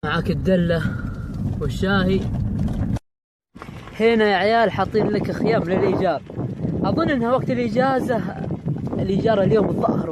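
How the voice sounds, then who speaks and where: A Saudi man vlogging casually, chatty and joking with his viewers as he talks from a car by the coast. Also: high voice. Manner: chatty, jokey, calls viewers "guys". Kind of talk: casual vlog chat to viewers. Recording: vehicle noise behind.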